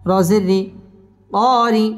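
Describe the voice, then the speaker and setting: Man, Bangladeshi accent, tajweed teacher, patient syllable drilling, high voice, long echoing reverb. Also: fairly even intonation. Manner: slow, patient drilling that repeats each syllable. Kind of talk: spelling out Arabic letter by letter, then melodic recitation. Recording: reverberant room with faint music.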